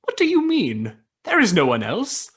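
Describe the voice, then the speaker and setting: An actor in a radio play voicing Ebenezer Scrooge as an anguished, defensive man who cares for money, with a husky, earnest delivery. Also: mid-range voice, wildly swooping pitch, normal speed. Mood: defensive, hurt. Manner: earnest, pleading, dramatic.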